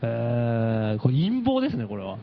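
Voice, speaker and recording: A man's voice: medium pitch, huge pitch swings, moderate pace, muffled recording, background noise. A man hosting a casual radio chat, playful and often laughing as he teases out conspiracies. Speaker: radio host.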